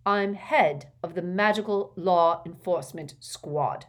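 Woman as a stern, polite ministry gentleman. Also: lowish voice, a little slow, lightly acted. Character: formal, firm male government official wizard. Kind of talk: audiobook character voice.

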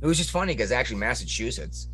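A man's voice: mid-range voice, big pitch swings, racing, a bit bright, slight background noise. A man in a casual podcast chat, talkative and rambling, pushing provocative points.

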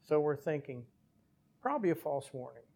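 An older man, a former airline captain, telling his story in an interview at a measured pace with small hesitations. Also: a little high, big pitch swings, darkish tone. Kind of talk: conversational storytelling.

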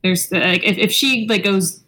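A woman's voice: medium pitch, normal speed, sharp tone. A woman playing a tabletop role-playing game, describing her character's actions in a casual, playful way. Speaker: player.

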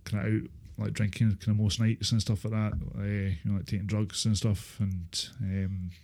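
A Scottish man in his thirties recalling his life in a casual interview, speaking haltingly with repeated filler phrases. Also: on the low side, flat delivery, creaky, darkish tone. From Inverness, Scotland. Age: 30s. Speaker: interview guest, former supported-housing tenant. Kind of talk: casual interview, personal recollection.

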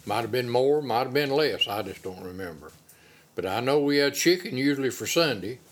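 A man's voice: mid-range voice, animated, a little fast, background noise. Older Appalachian man, folksy talker. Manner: folksy rural phrasing. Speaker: interviewee recalling childhood. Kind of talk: casual oral-history reminiscence.

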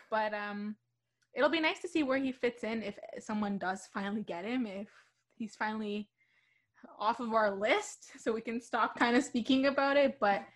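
A young woman co-hosting a hockey radio show, chatting casually with many fillers and quick laughs. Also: a little high. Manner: chatty, giggly, with fillers and restarts. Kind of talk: casual sports chat.

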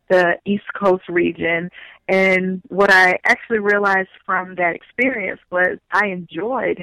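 A woman guest speaking over the phone in a podcast interview, explaining her background in a measured, step-by-step way. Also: on the low side, sharp tone, no room sound, rough recording. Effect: heard over the phone.

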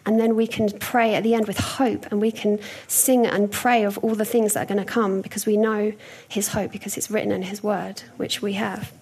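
Young adult woman giving a sermon, slightly husky, easygoing and chatty. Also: medium pitch, level tone, normal speed, few pauses. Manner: conversational, warm storytelling with hesitations. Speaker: preacher.

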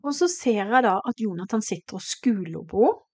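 A middle-aged woman shares a painful memory as a podcast host, her telling emotional and animated. She acts out what each person said as she goes. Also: medium pitch, breathy edge. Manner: emotional, animated retelling with quoted dialogue. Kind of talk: personal storytelling.

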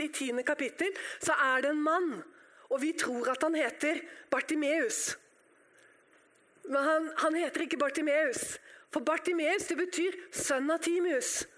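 A woman preaching with fervour, her voice sitting very high. She moves between ringing cries and near-whispers as she addresses her congregation. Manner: impassioned, dramatic, shifts between loud cries and hushed whispers. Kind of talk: sermon.

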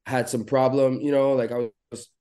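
A man from Lebanon talking as a podcast guest in a relaxed, rambling way with lots of fillers. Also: mid-range voice, moderate pace. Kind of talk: casual interview chat.

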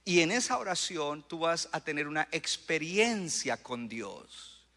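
Male pastor, sermon delivery, bright ringing tone with emphatic swells; long reverb of a church hall. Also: a little high, sing-song, a little slow. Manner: preaching with rising bursts of emphasis and audience call-outs.

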